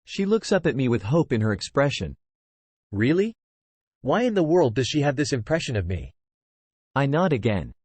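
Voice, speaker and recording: A man giving a lively, expressive first-person audiobook narration on a close mic. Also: mid-range voice, brisk, husky, no room sound.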